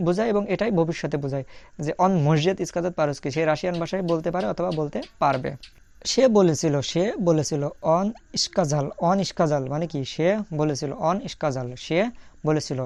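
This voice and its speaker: A high, gravelly-voiced man teaches a language through his screen, repeating phrases at a slow pace and breaking the sounds down letter by letter. The recording carries no room sound.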